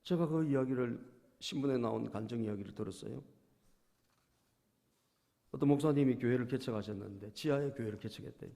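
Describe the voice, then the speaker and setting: A male pastor preaching a sermon, storytelling and often prompting the congregation, dropping to soft asides and rising to loud bursts. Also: mid-range voice, a little fast, creaky, long pauses. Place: church sanctuary. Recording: long reverb of a church hall.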